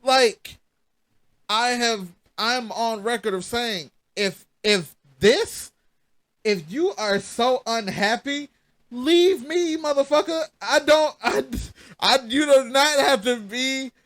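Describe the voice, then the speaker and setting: A man's voice: extremely high pitch, takes it slowly, a bit bright. A man co-hosting a podcast, talking bluntly with lots of swearing and stop-start restarts. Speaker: podcast co-host. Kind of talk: casual chat.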